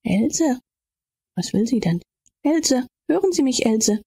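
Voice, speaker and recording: A woman's voice: high voice, expressive, takes it slowly, mellow, breathy edge, dry recording, voice pushed up, full character voice. A woman reading an audiobook, voicing a flippant, needling young woman with a teasing, questioning manner.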